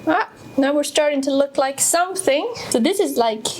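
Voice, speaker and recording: Demonstrating a tool in her home workshop, a Swedish woodworking video host speaks in a high voice with lively intonation at a moderate pace. She goes step by step, casually, with fillers and restarts, and background noise is present.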